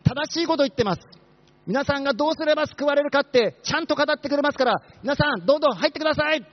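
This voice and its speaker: Shouting possessed greeter at a church door, pushy and high-pitched, a preacher putting him on, dull recording. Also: male voice, racing, big-room sound. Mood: shouting eagerly.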